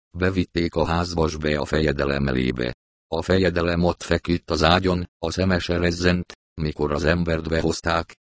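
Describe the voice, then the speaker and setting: Deep-voiced male audiobook narrator. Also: no room sound.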